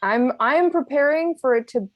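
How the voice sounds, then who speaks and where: A woman's voice: high-pitched, animated, dry recording, lo-fi sound. A woman playing in a tabletop game, chatting casually and rephrasing as she thinks. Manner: halting, rephrasing as she goes. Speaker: player.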